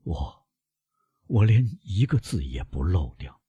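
A desperate middle-aged prosecutor, voiced by a male audiobook reader, speaking low and hushed, stumbling over his words as he begs. The voice is very deep and raspy, and the dry recording keeps every break in it close. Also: very animated, unhurried, no room sound, lo-fi sound, full character voice. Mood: pleading. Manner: hushed, faltering, begging. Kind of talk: audiobook character reading.

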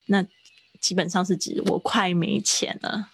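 A woman in her thirties teaching English in a chatty livestreamed lesson, explaining step by step and slowing down to sound out words. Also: fairly low pitch, flat delivery, husky, no room sound.

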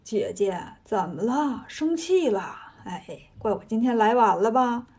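A woman's voice: a little high, lively intonation, a little slow, darkish tone, slightly rough, pitched below the performer's own voice, full character voice. A woman voicing a fumbling pig monster. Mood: coaxing. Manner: wheedling, folksy boasting. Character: clumsy male pig monster, boastful then timid.

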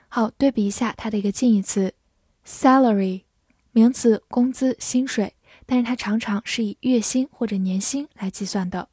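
A woman teaching English vocabulary in a scripted lesson, spelling words letter by letter and reading example sentences slowly for learners to repeat. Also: fairly high pitch, mellow, husky, no room sound, clean studio sound.

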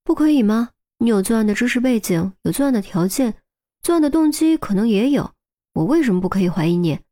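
A woman voicing a young, impatient female police detective who is sharp and suspicious. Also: fairly high pitch, expressive, fast talker, close to an everyday voice. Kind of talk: audiobook character voice.

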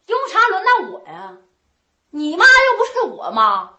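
Actress as quarrelsome Northeastern sister-in-law, bright tense voice, echoey stage. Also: female voice, extremely high pitch, huge pitch swings, measured pace, full character voice. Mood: scornful. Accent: Northeastern Mandarin. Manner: sharp-tongued, quarrelsome. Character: shrewish middle-aged sister-in-law, stingy and spiteful. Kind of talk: comic stage folk opera dialogue.

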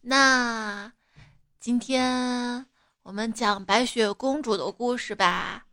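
A storyteller and performer plays a playful, teasing mother coaxing a stubborn child in a comic bedtime sketch, sounding coaxing and amused. Her voice is a little high, bright and forceful, and she takes it slowly. The studio-quality recording is dry, with music playing behind her.

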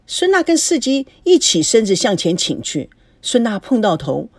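A woman narrating an audiobook story with an expressive, dramatic reading. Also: a little high, moderate pace, no room sound. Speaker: story reader.

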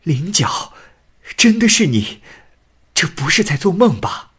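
A man's voice: fairly low pitch, sing-song, unhurried, a bit bright, breathy edge, heavily acted. A man voicing a lonely young man who speaks in a choked, emotional way. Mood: astonished.

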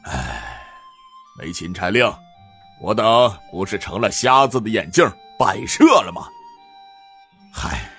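A man's voice: low-pitched, sing-song, takes it slowly, pauses often, sharp tone, slightly rough, faint music behind, voice pushed down, full character voice. Man doing a swaggering bloodthirsty general. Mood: scornful. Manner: swaggering, grumbling with sighs. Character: boastful middle-aged male army governor, bloodthirsty.

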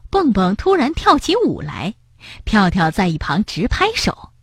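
A woman narrating a children's picture-book story in an expressive storytelling manner. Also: medium pitch, a little slow, slightly rough, dry recording, studio quality.

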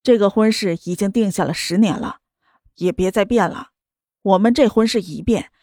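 A woman's voice: mid-range voice, normal speed, warm tone, no echo, studio quality, close to an everyday voice. Woman doing a stern middle-aged patriarch. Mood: placating. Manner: gruff and commanding.

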